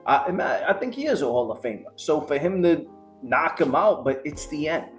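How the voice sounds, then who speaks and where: A man co-hosting a casual boxing podcast, ranting in a heated, profane, animated way. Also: fairly high pitch, moderate pace, faint music behind. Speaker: podcast co-host.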